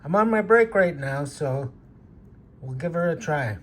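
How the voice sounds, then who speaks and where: A man's voice: a little high, animated, a little slow, background noise. A man talking casually to his viewers as a food review vlogger.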